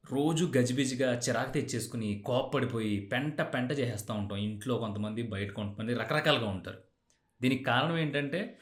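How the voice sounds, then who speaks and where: A man's voice: medium pitch, fairly bright tone. Man giving a motivational talk. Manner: direct, addresses listener as you. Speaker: podcast host. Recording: roomy echo.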